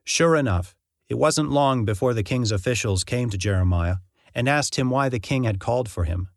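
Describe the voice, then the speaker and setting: A man narrating a Bible passage in an even, measured reading style. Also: mid-range voice, no echo, clean studio sound. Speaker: scripture reader.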